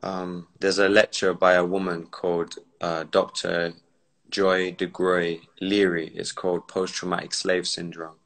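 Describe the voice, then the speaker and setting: A deep-voiced man with a flat delivery and a measured pace, his tone a bit bright, is talking on a casual live-stream from home through his phone. Originally from Barbados and raised in the UK, this entrepreneur and commentator speaks emphatically, lecturing at length and voicing the people he quotes.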